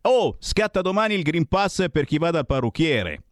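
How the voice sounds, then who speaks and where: A man's voice: on the high side, very animated, normal speed, dry recording, studio quality. A man hosting live radio, speaking emphatically with exclamations and words repeated for effect. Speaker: radio host. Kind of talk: live radio chat with callers and guests. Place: radio studio.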